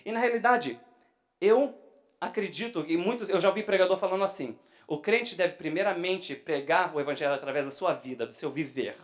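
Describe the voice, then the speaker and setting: A young man preaches in a church. His voice sits a bit high for a man. He gets carried away and his voice climbs loud whenever he gets animated. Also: a little fast. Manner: excitable preaching, voice rising loud when animated. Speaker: pastor. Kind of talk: sermon.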